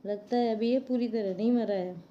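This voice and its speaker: A woman's voice: a little high, moderate pace, dull audio, a little hiss or hum, lightly acted. A woman voicing a sly, cunning male jackal in a storybook reading for children.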